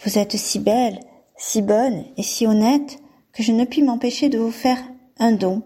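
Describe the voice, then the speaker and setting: A woman voicing a calm fairy who grants gifts in a read-aloud fairy tale, measured and unhurried. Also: fairly high pitch, slightly rough.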